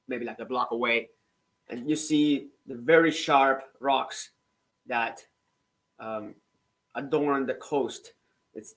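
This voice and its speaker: A man's voice: medium pitch, bright, forceful tone. A middle-aged man from Cuba, hosting his own channel and telling his story casually, with many restarts and "right?" tags. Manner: conversational, halting with frequent restarts and "right?" tags. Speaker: author and channel host.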